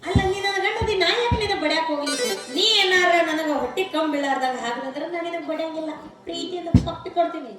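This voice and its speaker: An actress playing a sharp-tongued young village bride who scolds her husband, with a North Karnataka Kannada accent. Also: very high-pitched. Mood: scolding. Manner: scolding, quick retorts. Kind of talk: live village stage play. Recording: echoey stage from far off. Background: instrumental music.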